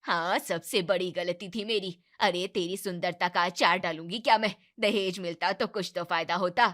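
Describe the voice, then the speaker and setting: A woman voicing a sharp-tongued, middle-aged mother-in-law in an animated family drama, speaking in a harsh and dismissive way. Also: lowish voice, moderate pace, natural voice. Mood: bitter.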